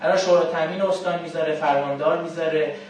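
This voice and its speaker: A man's voice: fairly high pitch, steady tone. A male student arguing his point in a classroom discussion, pushing back with rhetorical questions. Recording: very echoey room, far from the mic, faint hiss.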